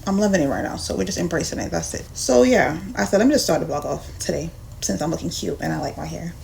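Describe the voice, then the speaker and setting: A woman's voice: deep voice, expressive, quick pace, darkish tone. A woman vlogger chatting casually and informally, addressing her viewers directly in slangy speech. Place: partly inside a car. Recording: clear background noise, car ambience.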